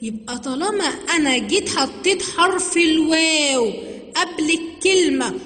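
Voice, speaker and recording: High-voiced Egyptian woman teaching. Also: animated, a bit bright. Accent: Egyptian Arabic. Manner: drags words out slowly and repeats them to demonstrate. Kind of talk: classroom grammar lesson. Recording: long reverb, roomy sound.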